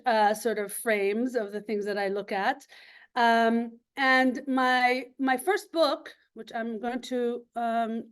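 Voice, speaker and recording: A woman's voice: on the high side, smooth. A woman from Lebanon giving an academic seminar talk over a video call, thoughtful and full of ums and restarts.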